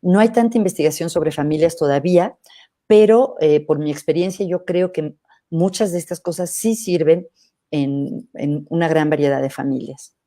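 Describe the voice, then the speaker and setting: A middle-aged woman psychologist, answering questions in a thoughtful, measured way with hesitant restarts. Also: deep voice, warm tone. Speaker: psychologist guest. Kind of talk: live interview answering questions.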